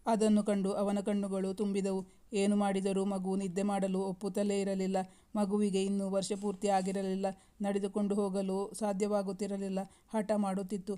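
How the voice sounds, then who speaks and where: Woman reading a story in a monotone. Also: medium pitch, clear, resonant tone. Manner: steady, even reading. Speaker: story narrator. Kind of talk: scripted storytelling narration.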